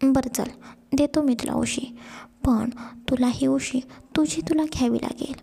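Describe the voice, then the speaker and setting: A woman voicing a playful, teasing young husband in a storybook romance, speaking softly in a half-whisper. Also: sits high, fairly even intonation, a little slow, gravelly, breathy edge, full character voice. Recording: long reverb.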